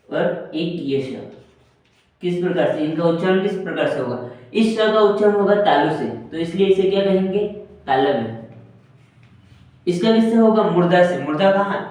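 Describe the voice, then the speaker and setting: A man's voice: sits high, a little mellow. A man teaching a grammar lesson, going over each point again and again and answering his own questions. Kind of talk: Hindi grammar lesson, explaining slowly with repetition. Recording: very echoey room, distant from the mic.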